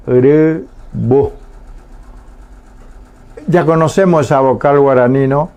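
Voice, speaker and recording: A man teaching a language lesson on the radio, saying each word slowly and repeating it twice with pauses. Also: medium pitch, muffled recording. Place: radio studio.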